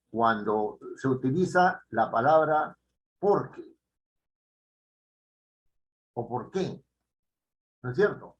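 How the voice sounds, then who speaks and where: Lively high-voiced Peruvian teacher. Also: male voice, lo-fi sound. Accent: Peruvian Spanish. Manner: lively, emphatic, frequent tag questions. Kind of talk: online writing lesson.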